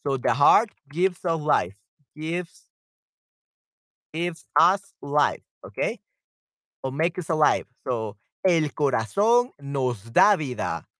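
A man leads a live Spanish grammar lesson, calling out viewers by name and switching to English to explain. He talks at an unhurried pace and stretches out example words. His pitch swings widely, and the close mic gives a dry sound. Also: sing-song, a bit bright, no echo. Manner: upbeat, reacts to viewers' comments by name. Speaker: Spanish teacher.

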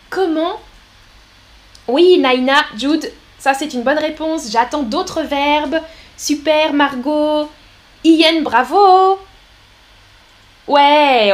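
A woman teaching a live French lesson, speaking slowly and clearly and reading out viewer comments. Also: sits high.

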